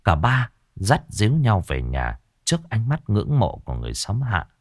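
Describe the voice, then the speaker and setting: A man narrating a ghost story in a dramatic, expressive storytelling manner. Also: fairly low pitch, normal speed, dry recording, clean studio sound.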